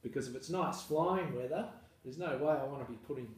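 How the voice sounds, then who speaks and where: An Australian man, a farmer, talking casually and at length in an interview, relaxed and self-deprecating. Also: medium pitch, fairly quick. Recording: echoey room, mic far off, faint noise.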